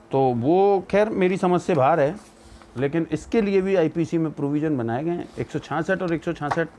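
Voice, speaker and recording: This man's voice sits on the high side with a darkish tone. Giving his opinion as a legal educator, he explains the law by posing rhetorical questions and weaving in English legal terms.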